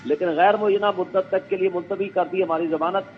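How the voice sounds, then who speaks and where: A man's voice: high voice, fairly even intonation, slight background noise. Man arguing a case down a phone line. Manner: measured legal arguing, quotes others. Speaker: lawyer guest. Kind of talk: phone-in interview. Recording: tinny phone line with faint music.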